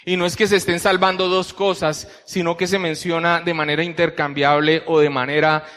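Man, sermon, high voice, methodical teaching, rhetorical questions, long hall reverb. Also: level tone, fairly quick, fairly bright tone. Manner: teaching, explains Bible verses methodically. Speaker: preacher.

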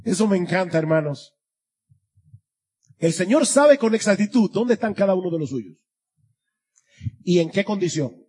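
A pastor preaches an expository sermon in a high, animated voice with a darkish, slightly rough tone, speaking at normal speed with long pauses. He is earnest, his voice rising and dropping for emphasis.

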